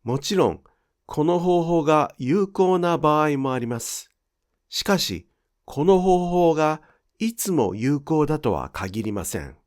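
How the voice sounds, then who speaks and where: Man explaining in a lively voice. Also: on the high side. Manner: clear, measured explanatory delivery. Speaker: Japanese pronunciation teacher. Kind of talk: scripted instructional narration.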